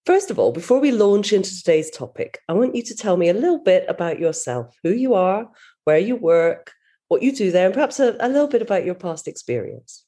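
A woman's voice: medium pitch, very animated, a little fast, mellow, husky. A woman hosting a podcast interview, asking encouraging questions.

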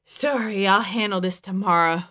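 A woman's voice: mid-range voice, moderate pace, a bit bright, natural voice. Woman playing a slurring drunk Pittsburgh husband. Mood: drowsy. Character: drunk slurring husband, man, giggly and oblivious.

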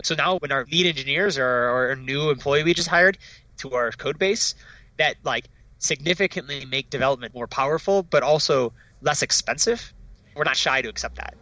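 A man's voice: fairly high pitch, pushed and bright, no room sound, low-quality recording. A man, a startup founder, talking eagerly in a casual interview, often tagging "right?" onto his sentences. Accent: non-Dutch foreign accent. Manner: enthusiastic, fast, peppered with "right?" and "like".

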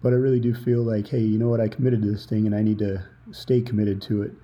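Male solo podcast host, very soft-edged dark tone, informal and reflective, improvised towel-over-head office recording. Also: on the low side, little pitch movement, fast talker. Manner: reflective, informal, thinking aloud. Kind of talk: free-flowing motivational solo podcast talk. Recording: improvised, under a towel at the computer.

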